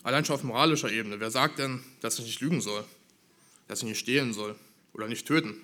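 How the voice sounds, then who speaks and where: A man preaches a sermon in an earnest, measured voice that sits at an ordinary middle pitch. He builds his points through rhetorical questions aimed at the congregation. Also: sharp tone.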